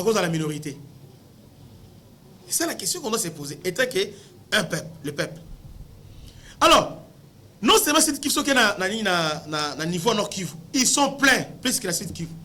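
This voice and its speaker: A man from DR Congo with a Congolese French accent, giving an animated political commentary, asking rhetorical questions and slipping in Lingala words. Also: high-pitched.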